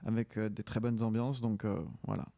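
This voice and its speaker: A man's voice: lowish voice, level tone, fairly quick, vocal fry, warm tone, dry recording, clean studio sound. A man from France, a guest author on a livestream, talking casually with plenty of hesitations and restarts. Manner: hesitant, many fillers and restarts.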